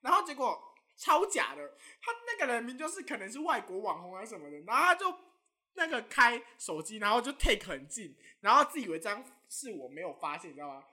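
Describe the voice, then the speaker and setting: A young woman co-hosts a casual podcast in Taiwanese-accented Mandarin. Her voice is bright and high, and her pitch swings widely as she tells stories. She talks quickly and mocks the people in them. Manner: animated storytelling, mocking and laughing. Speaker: podcast co-host. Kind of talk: casual chat.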